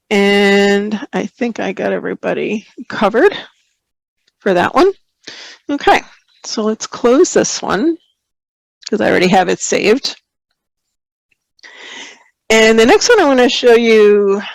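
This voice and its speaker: With a medium pitch and a slightly hoarse voice, a woman runs a photography webinar that is a screen-share software tutorial, clearing her throat occasionally. She explains each step casually as she works and reads viewer questions aloud. The audio is poor, though there is no echo.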